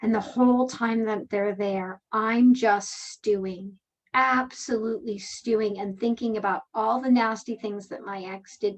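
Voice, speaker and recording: Soft-spoken woman giving a calm talk, slow and reflective, lots of pauses. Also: medium pitch, rough recording. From Canada. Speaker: speaker and workshop leader. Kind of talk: calm motivational presentation.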